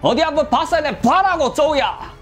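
A man's voice: very high-pitched, lively intonation, normal speed, a bit bright, soft background music, pitched above the performer's own voice. A man voicing a rival karaoke owner, a real gangster who taunts and threatens. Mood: menacing. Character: menacing rival karaoke boss, male gangster.

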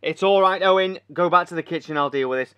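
A man playing a brash hotel owner who puts on a Scottish accent, loud, jolly and leering. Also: high voice, quick pace, dull audio, a little hiss or hum. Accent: put-on Scottish.

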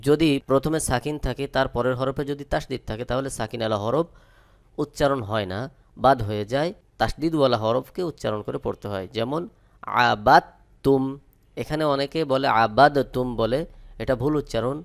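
Smooth-voiced man teaching Quran recitation. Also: mid-range voice. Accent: Bangladeshi Bengali. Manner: slow, drawn-out chanted recitation between plain explanations. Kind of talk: spelling-out Quran recitation lesson.

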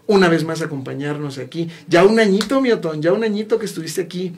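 In a small, brightly lit TV studio, a young Mexican-accented talk show host heaps warm, effusive praise on his guest, saying "mi queridísimo" again and again. He speaks fast in a fairly high voice, with slight background noise.

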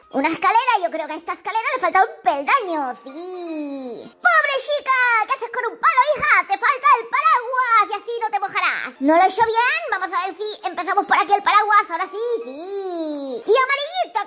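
A woman giving playful commentary on a mobile drawing game, cooing sympathetically at the characters. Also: very high voice. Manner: animated, coos sympathetically at drawn characters. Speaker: gaming channel host. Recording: light children's music behind.

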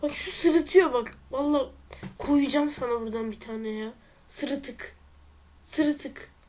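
A woman with a high voice plays through a game and talks it over as she goes. Her nose sounds stuffy. She grumbles under her breath, then breaks into exasperated outbursts. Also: unhurried, a little mellow, a little hiss or hum. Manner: frustrated, exclaiming and muttering at the game. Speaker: let's player. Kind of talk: let's play commentary.

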